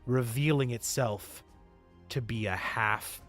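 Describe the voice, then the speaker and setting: A man narrating a tabletop game as game master, dramatic and deliberate, pausing between short phrases. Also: mid-range voice, fairly bright tone, no room sound. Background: music under the voice.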